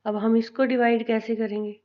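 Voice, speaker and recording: A woman with an Indian accent teaching an English lesson, speaking slowly and deliberately, spelling out letters and repeating things for her students. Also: on the high side, flat delivery, muffled recording. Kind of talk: classroom lesson mixing Hindi and English.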